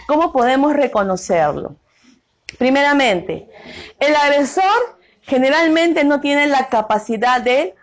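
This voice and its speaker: A middle-aged woman with a high voice, teaching a group. She keeps asking the audience questions and answering them herself, tagging her points with quick questions. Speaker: workshop speaker on domestic violence. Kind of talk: interactive talk to a group.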